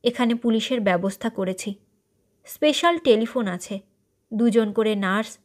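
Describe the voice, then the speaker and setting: A woman's voice: fairly high pitch, normal speed, lightly acted. A woman voicing an ailing older man, earnest.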